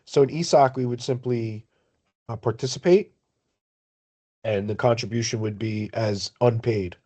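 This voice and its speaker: A man on a video call explaining things in an online work meeting, speaking in a measured, halting way as the project lead. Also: medium pitch, dark tone. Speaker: project maintainer leading a community meeting.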